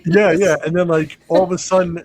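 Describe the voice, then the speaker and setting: A man with a high-pitched voice hosts a podcast, breezily recounting a film at a fairly quick clip. He animates the retelling by quoting and acting out lines from the movie, over slight background noise.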